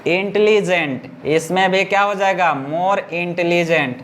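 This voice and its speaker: A male teacher, teaching grammar in class, repeating words slowly and often asking his students whether they understood. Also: sits high, fairly bright tone, a little hiss or hum.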